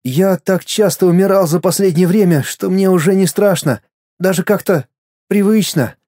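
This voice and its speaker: Man doing a young boy's higher inner voice. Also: moderate pace, mellow, natural voice. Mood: resigned. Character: dying boy, inner voice of the hero's body.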